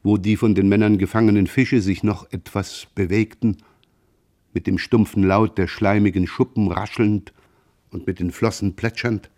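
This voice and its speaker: Male audiobook narrator, lowish voice, measured literary reading. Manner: measured, expressive storytelling. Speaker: audiobook reader.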